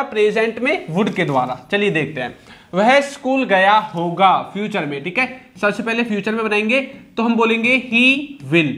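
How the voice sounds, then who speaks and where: High-voiced man teaching English grammar. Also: fairly bright tone. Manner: patient, repetitive, slows to dictate example sentences; checks in often with rhetorical questions. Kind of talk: spoken English lesson explained in Hindi.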